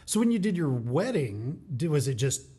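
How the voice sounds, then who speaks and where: A man's voice: on the high side, big pitch swings, normal speed, dark tone, breathy edge. An American man hosting a casual interview, chatty and joking as he encourages his guest. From United States. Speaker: host.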